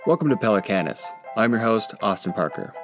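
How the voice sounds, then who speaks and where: A man's voice: on the low side, animated, brisk. Man hosting, over background music. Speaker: podcast host. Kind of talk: scripted introduction.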